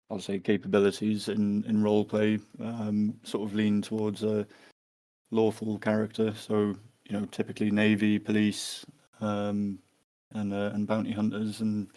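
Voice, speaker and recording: A man's voice: fairly low pitch, mellow. A man answering interview questions in a hesitant way, with many fillers and restarts. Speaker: guest.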